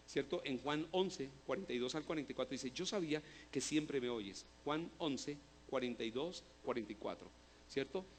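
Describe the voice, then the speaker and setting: A man preaching a sermon as pastor, emphatic, often asking "¿cierto?" and bursting into loud shouts of praise. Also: medium pitch, slight background noise.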